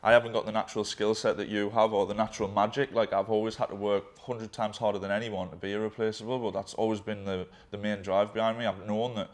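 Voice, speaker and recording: Young man, lowish pitch, candid and rambling, casually swears; a business partner looking back with him. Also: flat delivery, quick pace, few pauses. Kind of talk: candid conversation.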